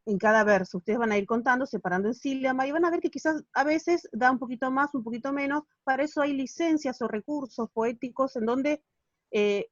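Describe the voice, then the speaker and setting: A woman teaches over a video call, her voice a little high and her tone patient. She keeps checking in with her students as she explains. The audio is dry and somewhat dull, like a laptop call. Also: no room sound. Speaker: literature teacher. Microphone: phone or laptop on a video call.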